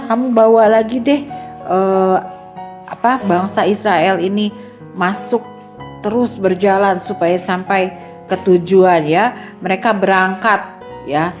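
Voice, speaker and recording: A woman kindergarten teacher telling a Bible story to young children in a lively way, asking them questions. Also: medium pitch.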